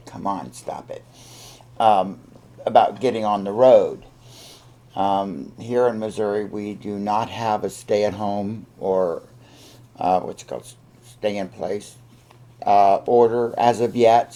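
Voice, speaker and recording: Slow, low-voiced man giving a hesitant update. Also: warm tone. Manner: hesitant, halting delivery with frequent ums and pauses. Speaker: video channel host. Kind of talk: casual, unscripted vlog update.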